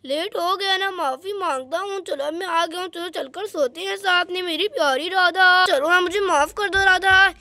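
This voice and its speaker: A drowsy, clumsy husband, played by a woman, who pleads and coaxes in a bright, high voice. It is dry and close, a homemade doll story. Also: moderate pace, few pauses, no echo, heavily acted. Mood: pleading. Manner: drowsy, coaxing, apologetic.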